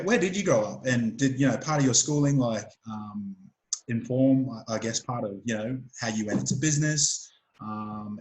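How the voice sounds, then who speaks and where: A man hosting a casual interview, stumbling over repeated words and filling pauses with ums. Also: mid-range voice. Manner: stammering repeats and many ums. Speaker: host. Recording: echoey room sound.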